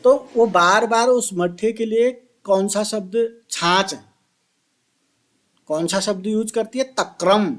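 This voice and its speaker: In a classroom explanation video, a man teaches a Sanskrit verse, chanting verses slowly, calling his listeners children, and asking and answering his own questions. His voice is high, with no room sound.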